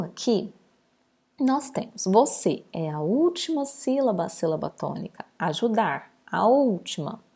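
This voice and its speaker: A woman's voice: a little high, mellow, slightly rough. A woman teacher giving a recorded lesson to children, patiently drawing out words syllable by syllable. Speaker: primary school teacher.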